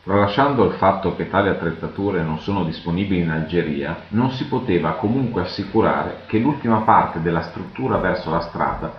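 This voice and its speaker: Deep-voiced man narrating a technical documentary. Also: a little hiss or hum. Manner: measured, matter-of-fact technical delivery. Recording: echoey, dull lo-fi voice-over.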